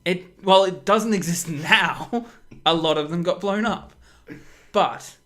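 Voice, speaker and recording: A man's voice: sits high, takes it slowly, bright, forceful tone. Blunt, skeptical man. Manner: blunt, skeptical, swears casually. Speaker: podcast co-host. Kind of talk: casual chat.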